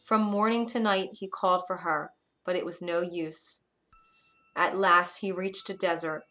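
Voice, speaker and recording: A woman narrating a fairy tale aloud in a clear, measured storybook reading. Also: lowish voice, fairly even intonation, bright, forceful tone, faint music behind.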